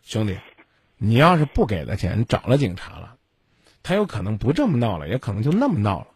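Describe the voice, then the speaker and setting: A man hosts a radio advice line, and his voice swings widely up and down as he lectures. He is blunt and scolding and cuts in constantly. The sound is husky and dry, close to the mic. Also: fairly low pitch, huge pitch swings, fairly quick, no echo. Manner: blunt, scolding, interrupts the caller. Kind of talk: call-in advice show.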